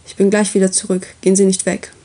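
Lady doing a panicky trapped guy, fast and pushy, dark mellow voice, storybook. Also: medium pitch, monotone, close to an everyday voice. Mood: agitated. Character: trapped, nervous younger man, pleading.

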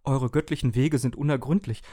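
A man's voice: mid-range voice, steady tone, a little fast, mellow, dry recording, studio quality, voice pushed up, lightly acted. A man voicing a devout male toaster that worships its owner, in exalted, solemn tones for an audiobook. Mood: fearful devotion. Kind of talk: audiobook reading.

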